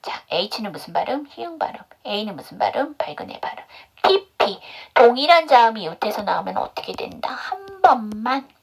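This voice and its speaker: A woman's voice: on the high side, very animated, brisk, creaky, slightly rough. A woman teaching English pronunciation in an online class, drilling step by step by asking questions and answering them herself. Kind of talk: online phonics lesson.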